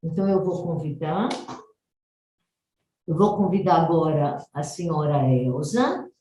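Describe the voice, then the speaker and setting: A woman's voice: deep voice, animated, unhurried, dark tone, slight background noise. A woman moderating a webinar, hesitant, with restarts as she introduces guests. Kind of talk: hosting a webinar. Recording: roomy echo.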